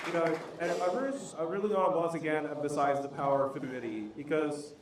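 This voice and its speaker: A man's voice: on the high side, quick pace, far from the mic, a faint crowd. A man hosting a live event, talking to the audience in an upbeat, encouraging way. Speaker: event host. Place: office event space with audience. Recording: echoey room, away from the mic.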